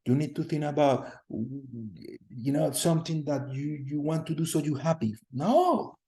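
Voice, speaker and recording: Man from Colombia, teacher on a video call, energetic, repeats himself, mellow low tone. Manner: energetic, repeats words, asks the class questions. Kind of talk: online class lecture. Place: home room on a video call.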